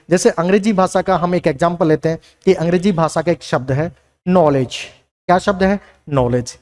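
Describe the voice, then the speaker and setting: A man's voice: high-pitched, darkish tone. A man teaching a Hindi language lesson, who asks questions and answers them himself and repeats key lines. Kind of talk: classroom lecture.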